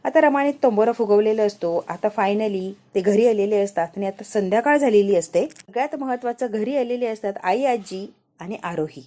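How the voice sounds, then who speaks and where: A woman's voice: medium pitch, animated, normal speed, mellow. A woman casually retelling a TV serial episode and reading out the characters' lines along the way. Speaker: TV serial recap narrator. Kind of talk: casual storytelling recap.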